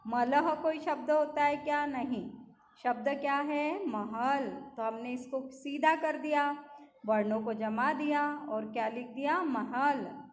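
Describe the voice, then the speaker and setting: A woman teaching young children, slowly sounding out syllables and words and asking and answering her own questions. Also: high-pitched, roomy sound, big-room sound, a little hiss or hum. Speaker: primary school teacher. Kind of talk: Hindi lesson for young children.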